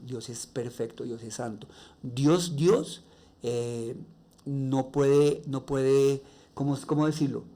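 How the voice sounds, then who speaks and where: A man with a Colombian accent and a nasal, raspy voice, hosting a faith-based podcast monologue and sharing personal stories earnestly. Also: mid-range voice, warm tone. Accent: Colombian Spanish. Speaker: podcast host.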